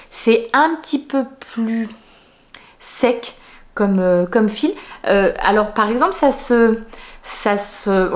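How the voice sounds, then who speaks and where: A woman hosting a knitting video podcast, talking casually at home with many fillers and restarts. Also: on the high side. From France. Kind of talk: casual chat.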